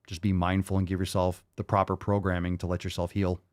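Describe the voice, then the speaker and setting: A man in his late thirties hosting a fitness livestream, answering viewer questions in a loose, conversational way that thinks out loud with fillers and restarts. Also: low-pitched, monotone, brisk, no echo, clean studio sound. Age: 30s.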